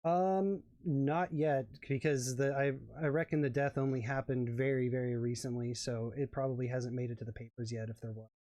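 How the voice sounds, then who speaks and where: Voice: medium pitch, steady tone, normal speed, hardly any pauses, mellow, no echo. A game master narrating a tabletop game, hesitant and full of fillers.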